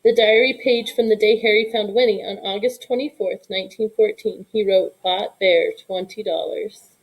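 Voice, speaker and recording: A woman reads a children's picture book aloud, telling the story with lots of expression. Her voice is mid-range and her pace is normal, though the recording quality is poor.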